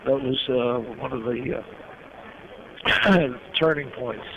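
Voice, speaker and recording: An older man from New York recalls his life in a heartfelt, reflective way, often pausing mid-thought. His voice sits in a middle register. The recording is dull and lo-fi, with a clear layer of background noise. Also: mid-range voice. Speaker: guest. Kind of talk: personal storytelling in an interview.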